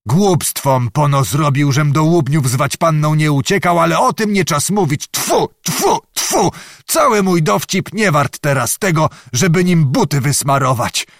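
A man's voice: a little high, animated, a little slow, no echo. Guy doing a blustery old noble joker, swinging all over the place, dry close sound. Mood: grumbling. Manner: blustering and exclamatory, full of oaths and quips. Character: boisterous old male nobleman, a jesting braggart.

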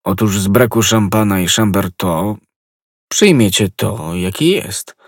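An impetuous young swordsman, urgent and earnest, as a male narrator voices him. The voice is husky and lifted above the reader's own low register, and it sounds close and dry. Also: expressive, unhurried, no echo. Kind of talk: audiobook reading.

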